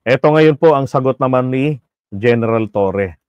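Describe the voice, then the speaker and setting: A man's voice: mid-range voice, moderate pace, a little mellow, clear, resonant tone, no echo, muffled recording. A man with a Filipino accent, chatting and joking as an online commentator, switching between Tagalog and English. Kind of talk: casual commentary monologue.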